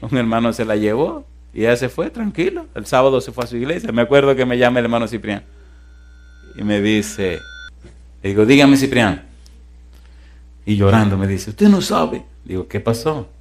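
A man preaching from the pulpit as pastor. He swings between booming questions to the congregation and soft, hushed storytelling in a church sanctuary. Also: fairly quick. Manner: animated preaching, shifts from loud calls to hushed storytelling. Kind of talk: sermon.

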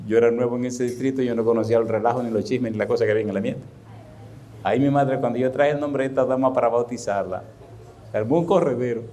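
Male pastor, sermon delivery, animated, voices the people in his anecdotes. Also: medium pitch, quick pace. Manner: animated preaching, repeats rhetorical questions; acts out dialogue in anecdotes.

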